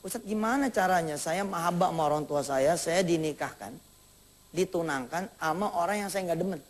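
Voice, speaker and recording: A man with a Jakarta accent preaching a sermon to a live audience, animated and joking, acting out small dialogues. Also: a little high, a little fast. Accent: Jakarta Indonesian. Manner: animated, acts out little dialogues, jokes with the congregation.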